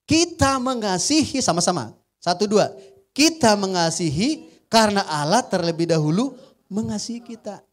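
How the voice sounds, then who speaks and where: A male pastor with a Batak-tinged Indonesian accent preaching a sermon to a congregation, joking and swinging between loud emphasis and quiet asides. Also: high-pitched, lively intonation, normal speed. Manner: often addresses the congregation as "saudara". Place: church before a congregation.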